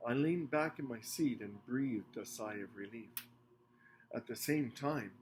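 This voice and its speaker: A man reading a children's storybook aloud with expressive, animated narration. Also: medium pitch, unhurried, slight background noise. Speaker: reader.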